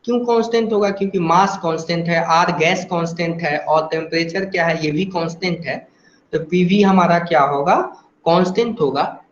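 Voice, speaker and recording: An Indian man with a high voice lectures in an online class. He works through each point step by step and keeps checking that his students follow. The audio sounds roomy and a little dull, with faint noise underneath. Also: normal speed. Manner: explains step by step, asks rhetorical questions, frequent "theek hai". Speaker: engineering teacher.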